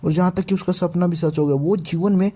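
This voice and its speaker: A man's voice: high voice, fairly even intonation, fairly quick, mellow. A man casually retelling a manhwa chapter, with frequent restarts and fillers. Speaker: manhwa recap narrator. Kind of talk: casual story recap.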